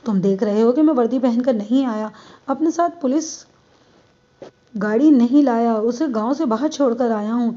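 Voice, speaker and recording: A woman's voice: fairly high pitch, mellow, lightly acted. Woman reading a firm male police inspector. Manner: measured, firm, rising to commanding. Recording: dull lo-fi.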